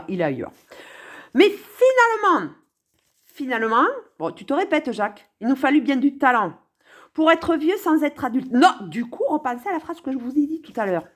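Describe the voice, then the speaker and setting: A woman giving casual, sarcastic commentary on a song, talking straight to the viewer and swinging between mutters and exclamations. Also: fairly high pitch. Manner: sarcastic, playful, talks to the viewer.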